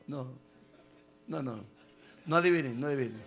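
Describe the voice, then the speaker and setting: Animated preacher man with a gravelly voice. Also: mid-range voice, moderate pace. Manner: animated storytelling, sudden loud bursts and quoted voices. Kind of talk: sermon.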